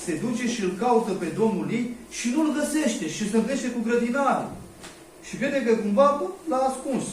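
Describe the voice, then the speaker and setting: A man's voice: extremely high pitch, animated. A man preaching a sermon, reading scripture aloud and asking the congregation questions. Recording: echoey hall, voice from far off, faint noise.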